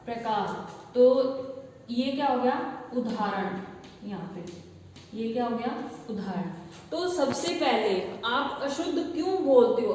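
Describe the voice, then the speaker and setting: High-voiced woman teaching in an echoey room. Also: a little mellow, slight background noise. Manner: explains by asking and answering her own questions; repeats terms slowly while writing on a board. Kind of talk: classroom lecture. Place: classroom. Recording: echoey classroom from far off, faint ambience.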